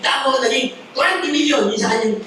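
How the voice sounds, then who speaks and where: A man's voice: very high-pitched, fairly quick, pushed and bright. A man with a Filipino accent preaching a sermon, mixing Tagalog and English and acting out the characters of a story he tells. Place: church hall. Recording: echoey hall, distant mic, faint hiss.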